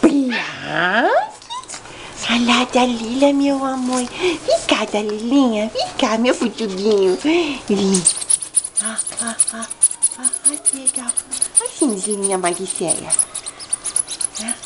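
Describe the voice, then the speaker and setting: A woman's voice: a little high, big pitch swings, takes it slowly, background noise. A woman talking baby talk to her dogs in a cooing, affectionate way. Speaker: dog owner.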